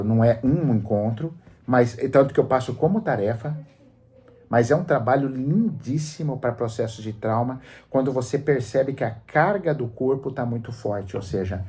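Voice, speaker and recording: A man's voice: mid-range voice, a little mellow. A Brazilian man in a radio studio interview, explaining trauma therapy in an emphatic, storytelling way. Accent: Brazilian Portuguese. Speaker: psychologist guest on a radio show.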